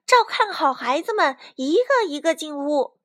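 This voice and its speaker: A woman voicing a calm, sensible mother hen in a storybook, explaining and reassuring in a slow way. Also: on the high side, husky, no echo, studio quality, full character voice.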